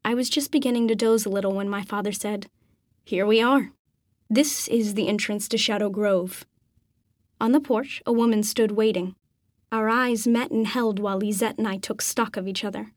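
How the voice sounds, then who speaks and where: A woman narrating an audiobook in the first person, with a measured, expressive reading. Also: a little high, dry recording, clean studio sound.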